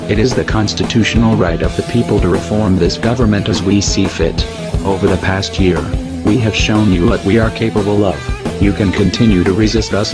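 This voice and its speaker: A man's voice disguised to sound very low, reading a scripted warning in a solemn, measured way. Loud music plays under him throughout. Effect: voice disguised to sound deep. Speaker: masked group spokesman. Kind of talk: scripted statement.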